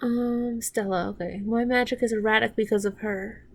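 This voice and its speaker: A woman's voice: a little high, fairly even intonation, moderate pace. A woman rambling casually through a show, recapping scenes with restarts and getting heated and swearing when annoyed. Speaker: reaction commentator. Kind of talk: casual watch-along commentary.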